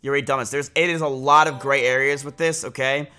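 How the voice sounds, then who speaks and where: A man in his twenties speaks a little fast on a live stream, his medium-pitched voice steady, clean, bright, and forceful. Set up in a small room at home, he rambles casually with many fillers and restarts and turns heated and blunt.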